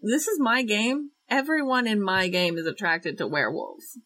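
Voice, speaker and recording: A woman's voice: mid-range voice, moderate pace, fairly bright tone. A woman running a tabletop role-playing game as game master, playful and laughing often, swearing casually. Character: Marco, a conflicted monster hunter.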